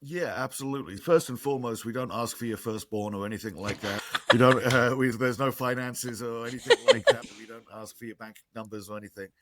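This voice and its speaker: A man with a medium-pitched voice and a slight lisp talks a little fast on a very noisy recording. A guest from a nonprofit on a podcast interview, he explains things casually and earnestly, talking a lot and often restarting his sentences.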